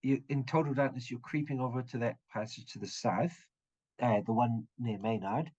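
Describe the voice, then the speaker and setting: Husky, halting game master. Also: male voice, mid-range voice, darkish tone. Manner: halting, full of fillers and restarts. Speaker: dungeon master. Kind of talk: narrating a tabletop game. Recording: dull, muffled audio.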